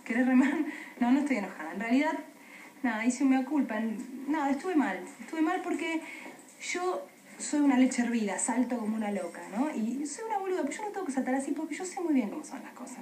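An actress playing a quick-tempered, teasing woman with an Argentine accent. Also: sits high, very animated, darkish tone, reverberant, slight background noise. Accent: Argentine Rioplatense Spanish.

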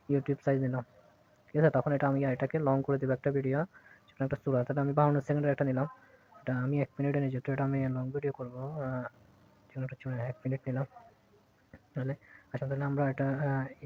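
A man walking viewers through an app step by step in a casual tutorial, with many hesitant fillers. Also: mid-range voice. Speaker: tutorial presenter. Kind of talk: casual screen-recorded tutorial. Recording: tinny phone-like sound.

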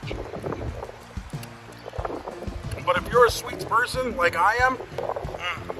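A man's voice: high-pitched, very slow. A man casually reviewing a dessert in a folksy, enthusiastic way, chewing while he talks. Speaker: food reviewer. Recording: music playing behind.

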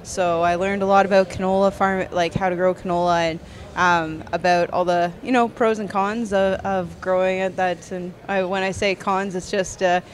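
A woman's voice: on the low side, little pitch movement, normal speed. A young Canadian woman from Eastern Ontario, a farmer guest chatting casually with lots of fillers and easy laughter. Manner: chatty, many fillers and restarts, laughs easily. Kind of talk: casual interview chat.

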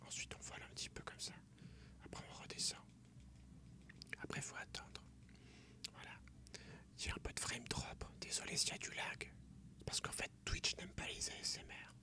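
A young man whispering ASMR game commentary softly and close, right in the listener's ear. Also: brisk. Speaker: game streamer. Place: small room at home, indoors.

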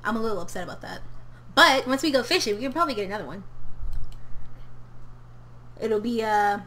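A woman's voice: on the high side, lively intonation, brisk, fairly bright tone. A young woman from Tennessee, casually chatting and giggling while streaming a game, talking to her character and her chat. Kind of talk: casual live-stream commentary. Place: home room.

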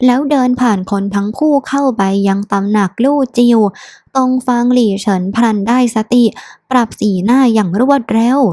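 A woman narrates a novel in a calm, steady storytelling voice. Her voice sits somewhat high. The recording is dry and close-miked, with no room sound. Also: moderate pace, dry recording. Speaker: audiobook narrator.

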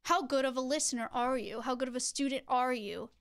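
Speaking a little fast, this young streamer host talks straight to her chat, sharing tips in a chatty, teacherly manner. Her voice sits high and is gravelly but clean.

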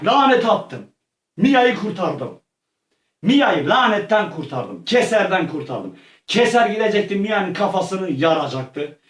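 A man with a high voice narrates a made-up scene play by play, saying each phrase again and again and breaking into frantic shouts. He sits well back from the mic, and the room around him rings. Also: sing-song, slow. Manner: repeats phrases over and over, frantic when shouting. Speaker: storyteller playing out a scene. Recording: echoey room, voice far from mic.

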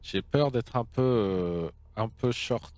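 A man's voice: mid-range voice, slow, a little mellow, slight background noise. A man hosts a video game let's play and keeps up a casual running commentary. He jokes as he goes and reads the game's dialogue and news text aloud.

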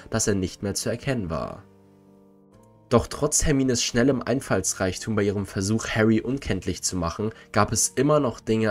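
A low-pitched man gives scripted narration in a measured, analytical tone. Faint background music plays beneath his voice. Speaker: lore video narrator.

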